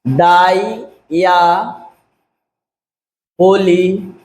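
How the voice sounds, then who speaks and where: A man teaching a grammar lesson to a class. He talks slowly and repeats key words, spells them out letter by letter and keeps checking whether the class understood. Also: sits high, fairly even intonation, darkish tone. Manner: slow, repeats and spells words out, asks "clear?". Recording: echoey room.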